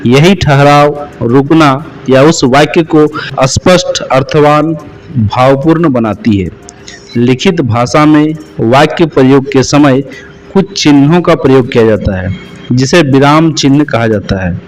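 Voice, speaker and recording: A man teaching a grammar lesson as a voice-over, slowing down to stress his example sentences. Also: mid-range voice, a little hiss or hum, low-quality recording. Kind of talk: explanatory lesson.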